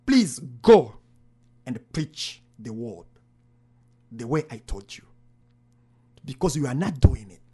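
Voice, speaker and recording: A man's voice: mid-range voice, sing-song, slow pace, long pauses, warm tone, breathy edge, voice pushed down, heavily acted. A man quoting God as a solemn, commanding voice while recounting a vision. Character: God speaking, commanding and stern, male.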